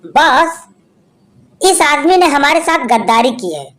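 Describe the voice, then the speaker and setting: A woman's voice: sits high, sing-song, slow, fairly bright tone, heavily acted. Woman voicing an urgent gang henchman. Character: gangster's henchman.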